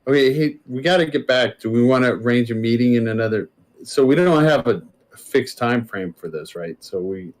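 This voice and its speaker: A man's voice: medium pitch, normal speed. A man playing a tabletop game, thinking aloud as he works out a plan with the group. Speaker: player.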